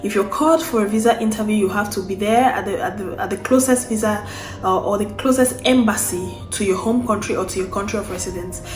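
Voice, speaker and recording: A woman's voice: medium pitch, a little fast, a little mellow, roomy sound, soft background music. A young Cameroonian woman, a vlogger, explaining a process in casual unscripted talk, often restarting and repeating phrases as she goes.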